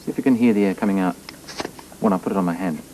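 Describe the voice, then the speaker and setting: A man's voice: low-pitched, far from the mic, a little hiss or hum, low-quality recording. A middle-aged man with an Australian accent, presenting a children's TV show and patiently explaining things to young viewers in a 1980s studio recording. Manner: slow, lively, patient, child-directed.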